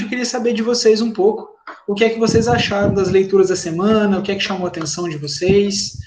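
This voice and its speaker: A man with a Brazilian Portuguese accent teaching an online class, speaking informally and checking in with his students. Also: sits high. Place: home, video call. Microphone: computer mic on video call. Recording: echoey room, noisy call audio.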